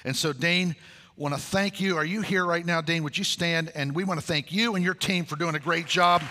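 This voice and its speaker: A man with a high, bright voice preaches to his congregation, joking and acting out the characters' lines as he goes. His words ring through a large sanctuary with a long, echoing reverb. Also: normal speed, some chatter behind, slight background noise. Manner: animated, jokey storytelling with acted-out dialogue. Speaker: pastor. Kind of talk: sermon.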